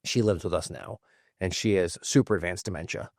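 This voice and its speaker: Earnest lower-voiced man in his forties. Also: no echo, studio quality. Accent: Central Pennsylvania. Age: 40s. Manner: earnest and open, talks in quick bursts. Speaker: podcast host. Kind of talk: conversational interview.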